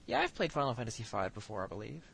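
A man's voice: mid-range voice, huge pitch swings, racing, gravelly, a bit bright, breathy edge. A man chatting on a casual podcast, hesitant and stumbling over his words. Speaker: podcast co-host.

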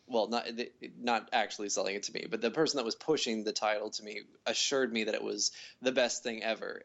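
A man's voice: medium pitch, fairly bright tone. Stammering young man, lo-fi recording. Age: 20s. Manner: stumbling restarts, laughs often. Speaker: podcast co-host. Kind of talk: casual chat. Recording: dull lo-fi recording.

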